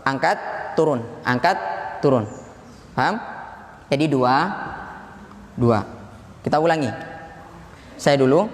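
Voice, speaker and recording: A man's voice: mid-range voice, slow, pauses often. A man, a Quran recitation teacher patiently drilling a group and counting them in, in a large mosque hall. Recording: echoey hall, faint room ambience.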